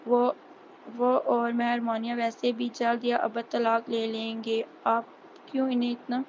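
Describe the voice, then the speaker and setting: A woman reading the lines of a jealous, spiteful young woman in a flat monotone. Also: fairly high pitch, lightly acted. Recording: dull lo-fi recording with faint hiss.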